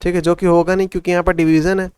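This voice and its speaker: A man's voice: sits high, level tone, racing, a little mellow, smooth, dry recording. A man tutoring school maths, working through textbook problems step by step, counting out factors aloud and checking in after each step. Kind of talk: solving textbook exercises step by step.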